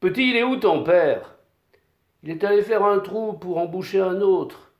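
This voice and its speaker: A man voicing a rich, greedy old peasant-landowner who bullies and threatens, raised higher and louder than his own voice. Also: measured pace, highs cut off. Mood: demanding. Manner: gruff, bullying, impatient. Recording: echoey room.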